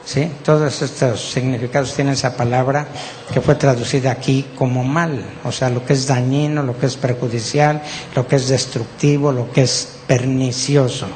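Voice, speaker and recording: A man's voice: medium pitch, steady tone, moderate pace, darkish tone, long reverb tail, a little hiss or hum. A Mexican man preaching a sermon to his congregation, teaching patiently and often checking that his listeners follow along. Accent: Mexican Spanish. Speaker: pastor. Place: church hall.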